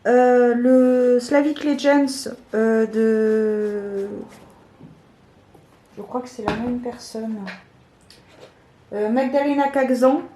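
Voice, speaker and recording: A woman's voice: a little high, steady tone, a little hiss or hum. A woman casually showing her favourite tarot cards, talking hesitantly with many fillers. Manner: slow, soft-spoken. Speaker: tarot vlogger.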